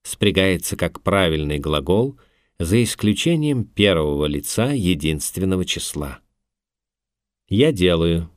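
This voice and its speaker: A man with a low, deep voice narrates a scripted language lesson in a measured, instructive way. His pitch rises and falls a lot as he explains. The recording is dry and close, with no room sound. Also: sing-song, no echo.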